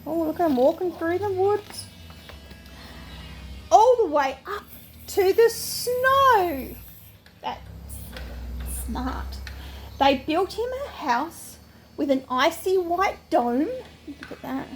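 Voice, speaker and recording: A sweet old lady with a high voice reads a picture book to her grandchildren. The older woman is doting and expressive, slipping into chatty asides. Faint noise sits behind her on the recording. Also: takes it slowly, pauses often. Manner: animated, expressive reading. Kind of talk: storybook read-aloud with chatty asides.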